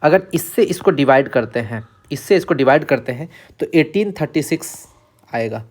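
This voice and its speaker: A man's voice: fairly high pitch, lively intonation, moderate pace, darkish tone. A man teaching an exam-prep chemistry lesson, explaining step by step, repeating key numbers and asking and answering his own questions.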